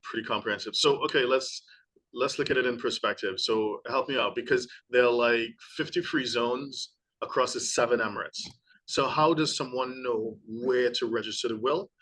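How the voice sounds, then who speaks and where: A man hosting an interview, asking polite, measured questions. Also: medium pitch, fairly bright tone, rough recording. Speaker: host.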